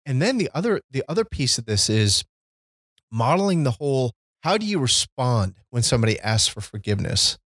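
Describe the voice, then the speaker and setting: A man's voice: medium pitch, very animated, a little fast, a bit bright, no echo. A man co-hosting a podcast, talking earnestly and reflectively about fatherhood and forgiveness, reading scripture aloud. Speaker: podcast co-host. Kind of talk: casual faith-based discussion.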